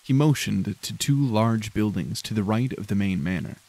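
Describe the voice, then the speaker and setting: A man narrating a dark fantasy audiobook in a measured, grave storytelling manner. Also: lowish voice, animated.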